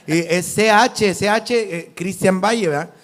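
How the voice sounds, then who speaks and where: A man with a Mexican Spanish accent hosting a casual bar chat, loud and joking with heavy slang. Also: sits high, a little slow. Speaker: podcast host.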